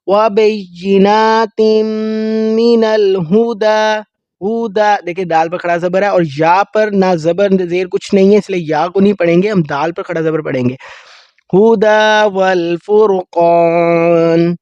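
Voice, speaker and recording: A man teaching Quran recitation rules in a lesson, explaining quickly and then chanting verses slowly and melodically. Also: high voice, steady tone, darkish tone, dry recording, dull audio. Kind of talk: tajweed lesson.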